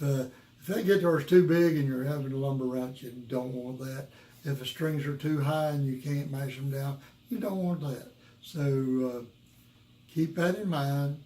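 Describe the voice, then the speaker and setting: Folksy man with a worn, mellow voice. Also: a little high. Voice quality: worn voice from years of rock and roll. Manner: folksy, halting, repeats himself. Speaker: guitar teacher and video host. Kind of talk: casual instructional talk to viewers. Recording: roomy, echoing room sound.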